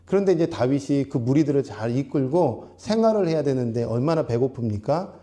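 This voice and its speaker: A man's voice: medium pitch, animated, a little fast, dark tone. A male pastor delivering a Sunday sermon, explaining word meanings step by step and putting questions to the congregation. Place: small church.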